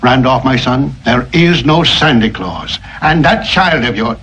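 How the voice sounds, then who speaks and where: An actor playing a gruff, blunt old grandfather with dry, mocking humour, in 1940s film style. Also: mid-range voice, lively intonation, a little slow, a bit bright, a little hiss or hum. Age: older. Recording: dull old film soundtrack.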